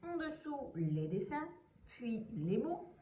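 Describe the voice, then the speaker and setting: A woman teacher giving a slow, patient reading and handwriting lesson to young children, sounding out letters and describing each pen stroke. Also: on the high side, big pitch swings, mellow, slight background noise, rough recording.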